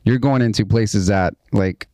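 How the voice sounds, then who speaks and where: A man explaining something casually in a halting way, searching for his words. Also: on the low side, mellow, no room sound, clean studio sound.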